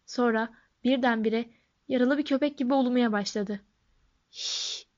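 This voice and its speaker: Woman audiobook narrator, steady and expressive, somewhat high voice, muffled lo-fi audio. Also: a little fast. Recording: dull lo-fi recording.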